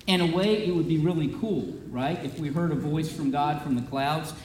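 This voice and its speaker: A man's voice: a little high, normal speed, darkish tone, slight background noise. A male pastor giving a chatty children's sermon, asking the kids lots of questions. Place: church sanctuary. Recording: roomy, from a distance.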